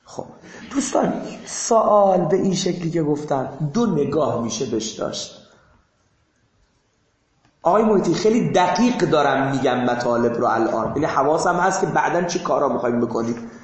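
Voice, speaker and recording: A man teaching a class in a lecture, moving between quiet asides and emphatic rising bursts. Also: fairly high pitch, expressive, roomy sound, low-quality recording. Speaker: seminary teacher.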